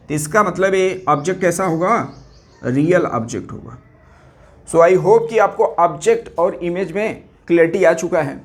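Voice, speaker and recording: A man teaching physics to exam candidates, his voice sitting a little high. He keeps throwing questions at the class and answering them himself, repeating key terms and slipping English words into his Hindi. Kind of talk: exam-prep lecture.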